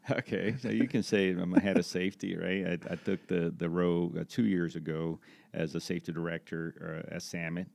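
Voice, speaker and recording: Speaking briskly with hardly any pauses, this deep-voiced corporate safety executive has vocal fry, a darkish tone and fairly even intonation. He is a Brazilian man in his forties, a native Portuguese speaker with a Brazilian accent, chatting as an interview guest, with no room sound.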